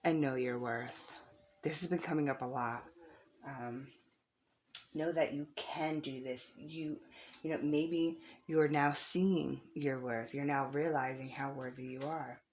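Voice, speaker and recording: A woman with a rumbling low, slightly mellow voice reads tarot cards casually for the viewer, speaking at a measured pace with fairly even intonation. She's encouraging and reassuring, repeating phrases for emphasis, and there's a little hiss or hum in the audio.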